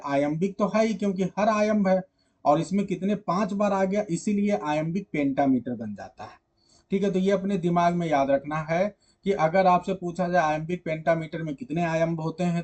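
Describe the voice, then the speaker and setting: A man's voice: fairly high pitch, moderate pace, darkish tone. A man giving an exam-prep literature lecture, explaining patiently, repeating key points and quizzing students with rhetorical questions. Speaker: literature teacher.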